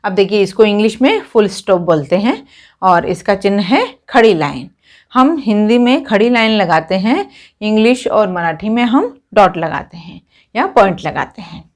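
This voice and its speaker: A woman's voice: mid-range voice, lively intonation, normal speed. A woman teacher giving a grammar lesson, explaining each point step by step with a recurring stock opener.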